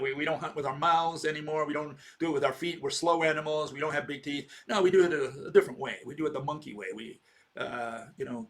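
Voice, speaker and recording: A man's voice: fairly high pitch, a bit bright. A man in his sixties giving a rambling informal lecture, posing rhetorical questions and checking in with "okay?". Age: 60s.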